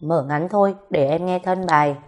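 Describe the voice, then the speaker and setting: Teasing young mother in a storybook, wheedling and coaxing, lowish voice as a woman narrator puts her on. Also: normal speed, natural voice. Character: playful, pestering young mother.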